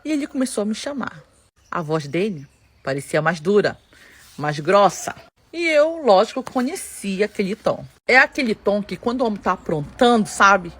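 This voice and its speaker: A woman's voice: mid-range voice, moderate pace, husky. A woman with a Brazilian Portuguese accent telling a dramatic first-person story and often speaking straight to her listeners. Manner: animated, addresses listeners directly.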